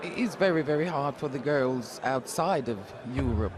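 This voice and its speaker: A woman's voice: a bass voice, lively intonation, normal speed. A woman co-commentating on live darts as a pundit, in a chatty style. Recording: crowd and clear background noise.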